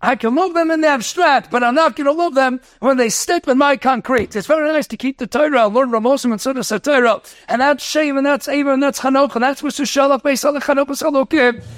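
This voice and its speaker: A rabbi lecturing on Torah, talking quickly, mixing in Hebrew and Yiddish terms, asking rhetorical questions and telling stories. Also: male voice, very high-pitched, fairly bright tone, dry recording, clean studio sound. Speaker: rabbi teaching a Torah class.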